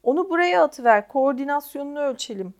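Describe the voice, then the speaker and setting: A woman reading an audiobook, voicing a rowdy teenage boy who taunts and shouts at the others. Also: high-pitched, expressive, a little fast, pitched above the performer's own voice. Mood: taunting. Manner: loud, taunting.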